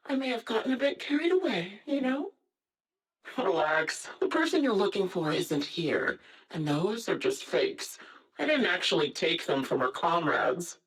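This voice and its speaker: Theatrical, taunting villainess sniper, swooping pitch. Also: female voice, exaggerated voice, low-quality recording. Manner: mock-sweet, playful, drawn-out taunting. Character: sadistic, taunting female villain sniper, gleefully mocking. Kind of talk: theatrical game voice acting.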